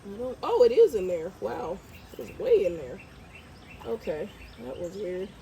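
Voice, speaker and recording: A woman's voice: mid-range voice, wildly swooping pitch, measured pace, dark tone, a little hiss or hum. Congested woman chatting while gardening outdoors. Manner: chatty, thinking aloud as she works. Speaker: gardening vlogger. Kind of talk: casual vlog narration while gardening. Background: birds and outdoor ambience.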